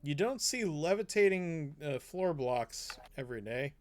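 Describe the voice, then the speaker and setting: Wry blunt man, slightly high voice. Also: lively intonation, a little slow. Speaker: player. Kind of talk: casual tabletop game chat.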